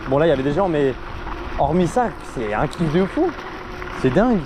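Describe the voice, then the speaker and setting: Wind and vehicle noise accompany this young adult man's casual, excited scooter vlog as he rides through streets and forest. His slangy chatter comes in a sing-song voice on the high side, at normal speed.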